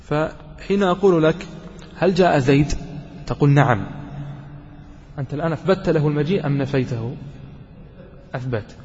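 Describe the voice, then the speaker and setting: Male grammar teacher, slightly high voice, questions and answers his class, dull lo-fi recording with long reverb. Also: darkish tone, a little hiss or hum. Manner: asks the listeners questions and answers them himself; slows down to chant quoted verses.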